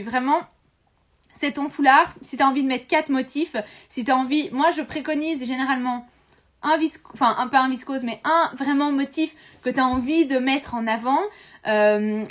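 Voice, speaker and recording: A woman hosting a live-streamed sewing tutorial, chatty and hesitant, speaking straight to her viewers from a home sewing room. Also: sits high.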